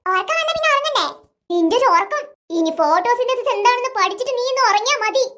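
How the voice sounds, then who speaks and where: Voice actor doing a bossy cartoon teen sister, shrill high, fast, bright, scolding, commanding. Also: lively intonation, heavy background noise. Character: bossy teenage big sister playing tutor. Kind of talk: cartoon voice acting.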